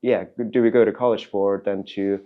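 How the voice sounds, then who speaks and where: A man's voice: fairly low pitch, fairly even intonation, fairly quick, phone-quality sound. A man hosting a podcast, asking long, rambling, searching questions in casual conversation. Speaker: podcast host. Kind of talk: casual interview.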